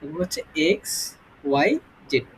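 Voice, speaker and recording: A man teaching English pronunciation in an informal spoken lesson, explaining slowly and often checking in with the student. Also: a little hiss or hum, low-quality recording.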